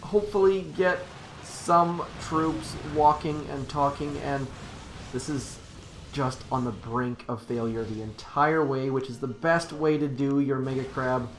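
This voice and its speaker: A man's voice: mid-range voice, fairly even intonation, unhurried, a little hiss or hum. A man live-streaming a strategy game, giving casual, upbeat, rambling commentary, correcting himself and cheering on his troops aloud.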